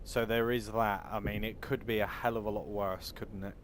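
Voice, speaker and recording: A man's voice: lowish voice, little pitch movement, moderate pace. A man from Cornwall with a Cornish accent, chatting in an easygoing, rambling way as he livestreams a game. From Cornwall, southwest England. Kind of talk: casual chat over gameplay. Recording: clear background vehicle noise.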